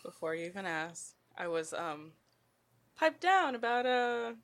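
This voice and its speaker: A woman's voice: medium pitch, very animated, measured pace. A woman appearing as a guest on a podcast, chatting casually. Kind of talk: casual chat.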